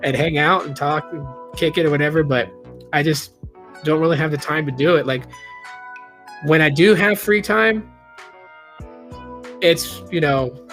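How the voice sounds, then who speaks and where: A man's voice: a little high, a little slow, pauses often, fairly bright tone, soft background music. A man in his late thirties hosting a live stream, talking candidly in a rambling, casual way with many restarts and reading chat aloud. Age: 30s.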